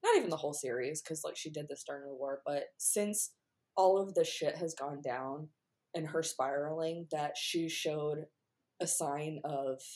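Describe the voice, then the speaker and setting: A woman co-hosting a relaxed book discussion, with a somewhat low voice. She talks animatedly and slips into characters' lines as she retells scenes. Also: normal speed. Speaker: podcast co-host. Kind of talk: casual book chat.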